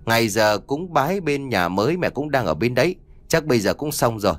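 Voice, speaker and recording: A man's voice: mid-range voice, sing-song, brisk, lightly acted. A cheerful middle-aged father who dotes on his son and chats easily, read by a male narrator. The voice moves freely up and down as he talks. It sits close in a dry room with no echo. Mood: chatty. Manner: warm, chatty, fatherly. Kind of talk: audiobook dialogue reading.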